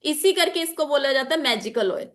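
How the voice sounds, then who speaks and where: Brisk and lively in intonation, this high, somewhat bright female voice belongs to an online teacher of chakras and magical oils. She has a sore throat but keeps the lesson casual, using examples, repeating key phrases, and blending in English terms.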